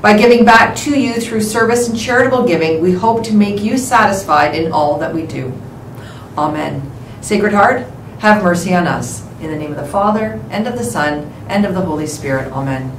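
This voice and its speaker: A woman reading the morning announcements and prayer over a school intercom, in a steady, measured way. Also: medium pitch, slight background noise. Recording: echoey, distant intercom sound with faint ambience.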